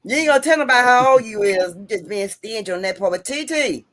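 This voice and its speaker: A woman's voice: a little high, expressive, fast talker, a loud crowd. A woman hosting a live call-in talk show, teasing her callers and repeating phrases as she jokes. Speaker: host. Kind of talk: casual chat.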